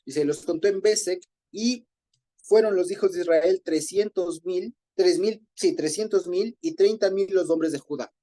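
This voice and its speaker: A man's voice: high-pitched, a little slow, warm tone. A man leading an informal group Bible study, explaining Hebrew words in a conversational way and often rephrasing himself.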